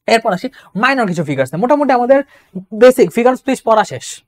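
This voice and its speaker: A woman gives an exam-prep English lecture, explaining patiently, repeating key points and reading example sentences slowly. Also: a little high, very animated. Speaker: English tutor.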